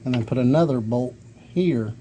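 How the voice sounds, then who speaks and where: This amateur car repair vlogger has a mid-range, dark-toned voice at a moderate pace, chatting plainly and thinking aloud through the repair. Vehicle ambience and clear background noise can be heard.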